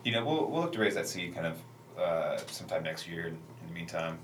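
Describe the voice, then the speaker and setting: A man with a very low voice answers as a startup founder in a casual panel interview. His talk is loose and conversational, and he sits a little away from the mic in a reverberant room. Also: expressive, brisk, fairly bright tone. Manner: loose, conversational, leans on 'you know' and 'like'. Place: echoey room, radio show recording. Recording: echoey room, distant mic, slight noise.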